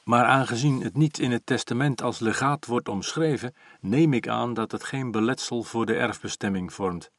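A man doing a hearty, brisk old notary. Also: medium pitch, no echo, clean studio sound, natural voice. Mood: businesslike. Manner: hearty, brisk, slightly teasing. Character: jovial, blunt older male notary.

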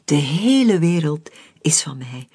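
A storyteller reading a children's story aloud, expressive, with soft whispered passages. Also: medium pitch, unhurried, slightly rough.

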